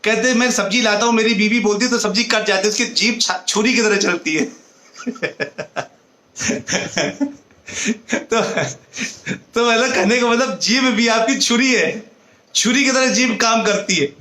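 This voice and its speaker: A man giving a devotional discourse in a high, bright voice, moving between storytelling and chanted verses. The room is echoey. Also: takes it slowly. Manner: tells parables and chants mantras, with a light laugh. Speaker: preacher.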